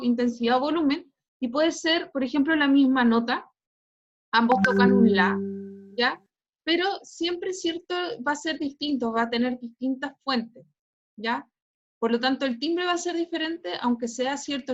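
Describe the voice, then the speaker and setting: A woman's voice: high-pitched, lo-fi sound. A woman teacher with a Chilean accent giving an online physics class, who keeps checking in with "¿cierto?" and "¿ya?". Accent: Chilean Spanish.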